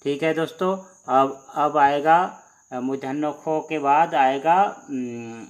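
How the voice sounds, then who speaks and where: A man teaching the alphabet slowly, pausing often with fillers as he writes. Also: on the high side, dull audio. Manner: slow, halting, many pauses and fillers. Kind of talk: handwritten alphabet lesson.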